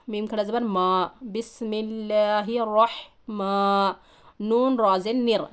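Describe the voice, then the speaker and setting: A woman teaching Quran reading, spelling out letters and vowel marks one by one, then chanting the joined words slowly, with patient explanations in between. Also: medium pitch, fairly bright tone. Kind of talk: slow syllable-by-syllable recitation lesson.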